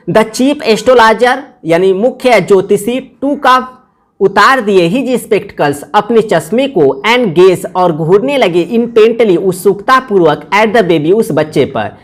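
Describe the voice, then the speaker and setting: A woman teacher, reading phrases slowly and explaining each one in Hindi. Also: mid-range voice. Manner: reads English phrases very slowly, then glosses them in Hindi. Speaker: English teacher. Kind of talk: line-by-line lesson explanation.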